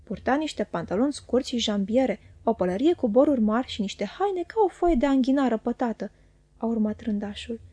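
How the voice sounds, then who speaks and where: A woman reading a classic novel aloud as an audiobook narrator, calm and measured, on a close studio mic. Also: on the high side, breathy edge, no echo. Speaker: audiobook reader.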